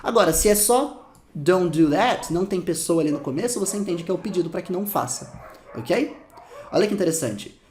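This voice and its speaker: Speaking with a Brazilian Portuguese accent, a high-pitched man teaches English expressions informally and with plenty of energy, repeating examples more slowly. His voice echoes in the room, and dogs are barking outside.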